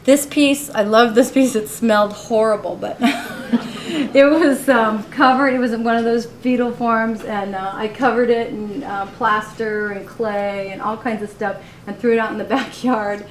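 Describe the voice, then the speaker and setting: In a roomy live recording with a faint noise floor, a woman in her forties gives a gallery talk about her own artworks at a college gallery. Her voice is a little high, unhurried, and fairly even in intonation. She's candid, laughs often, and fills her speech with "you know."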